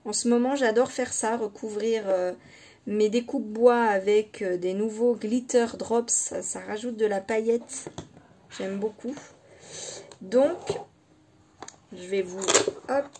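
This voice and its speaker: A woman scrapbooking vlogger giving a casual show-and-tell of her craft project, unhurried and hesitant, thinking aloud as she shows each item. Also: medium pitch, warm tone, slight background noise.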